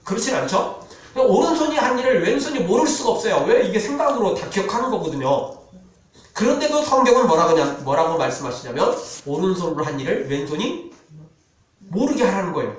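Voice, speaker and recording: Male pastor preaching, high lively voice, big echoey church, kinda far from the mic. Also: fairly quick. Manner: animated preaching, quotes scripture in a solemn lower voice. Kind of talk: sermon. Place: church sanctuary.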